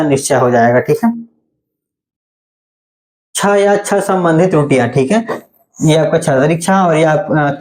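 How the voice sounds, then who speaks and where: A male teacher giving an online Hindi spelling class. He explains slowly and patiently, often stopping to ask whether it is clear. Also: a little high, darkish tone. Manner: explains patiently, often says "theek hai" to check in.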